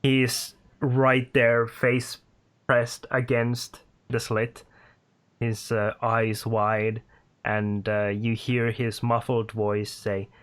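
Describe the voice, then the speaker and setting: A man narrates a tabletop game as its game master. He speaks slowly and haltingly, filling the gaps with "uh" and "like". His voice sits at a middle pitch. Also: level tone, fairly bright tone. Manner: slow and hesitant, many fillers.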